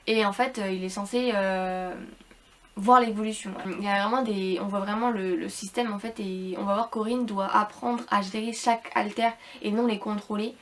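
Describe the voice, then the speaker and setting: A woman's voice: medium pitch, steady tone, normal speed, a bit bright. A woman giving a casual, rambling book review to viewers, hesitant and repetitive, with informal slangy wording and slightly robotic, unclear speech because she is ill. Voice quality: slightly robotic, hard-to-understand speech from illness.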